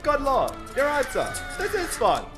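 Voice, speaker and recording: A man's voice: very high-pitched, wildly swooping pitch, measured pace, loud music behind the voice, exaggerated voice. A man playing an eager, deferential young apprentice, plucky and exclamatory, in a comic radio drama. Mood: enthusiastic.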